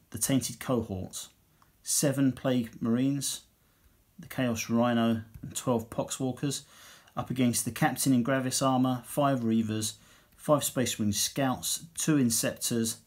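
A man's voice: medium pitch, darkish tone. A man casually reviewing a hobby magazine, reading passages aloud and adding dry asides. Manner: chatty, dry asides, reads text then comments.

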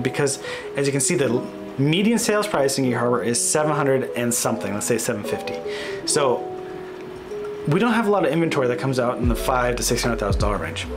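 A real estate agent in his thirties gives a relaxed market update from his home office while sharing his screen. He rambles a little, fills pauses and corrects himself mid-sentence. His pitch sits in the middle for a man, and background music plays clearly beneath his webcam audio. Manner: chatty, thinking aloud with fillers and self-corrections.

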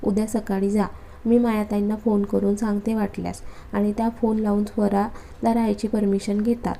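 Woman reading a kindly mother, middle-aged, gentle, mellow dark tone, storybook. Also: medium pitch, level tone, normal speed, creaky, slight background noise, close to an everyday voice. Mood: coaxing.

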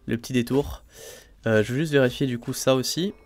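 A man casually commenting on his gameplay as a let's play host, thinking aloud, full of fillers and excited exclamations over each new find. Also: mid-range voice, fairly quick. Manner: chatty, thinks aloud, frequent "hein" and "euh" fillers.

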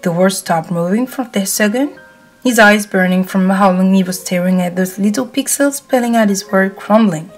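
A woman narrating fanfiction in a calm, steady storytelling voice of middle pitch. Soft music plays faintly behind her reading. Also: moderate pace. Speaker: fanfiction reader.

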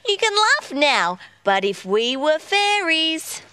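A woman's voice: high voice, very animated, takes it slowly, sharp tone, heavily acted. A woman voicing a cheeky little female puppet creature for children's TV, playful and sing-song.

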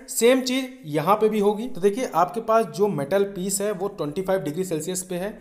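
A man lecturing on engineering for exam students has an Indian accent and a notably high voice. He teaches didactically, covering each point in sequence and often checking whether his listeners understand.

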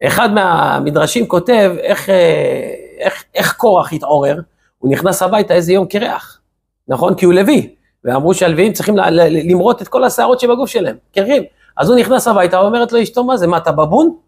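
A man, a rabbi, giving a weekly Torah lesson as a lively storyteller who keeps asking his listeners rhetorical questions. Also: high voice, creaky, breathy edge.

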